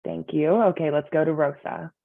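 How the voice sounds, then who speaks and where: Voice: mid-range voice, sing-song, normal speed, gravelly, no room sound. A panel moderator on a video call who guides speakers in turn, friendly and organized. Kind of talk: hosting a webinar panel. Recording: tinny phone-like video call audio.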